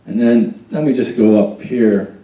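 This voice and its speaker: Unhurried and mellow, a man with a fairly low voice gives practical technical instruction at a church sound booth's mixing desk, patiently explaining each step and saying "check, one, two" to test the mic. The audio is poor, echoey, and taken from a distant mic.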